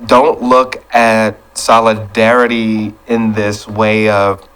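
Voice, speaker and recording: A man's voice: lowish voice, level tone, slow, a bit bright, clear, resonant tone, poor audio. A man hosting a casual culture podcast, talking in a laid-back, reflective way and steering the conversation. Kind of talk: casual chat.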